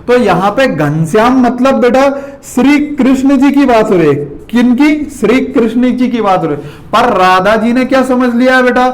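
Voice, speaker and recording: A man with a high-pitched voice teaches a classroom lesson. He keeps firing questions at his students, calling them "beta", and answers them himself, with a steady "theek hai" between points. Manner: checks in with "theek hai" throughout.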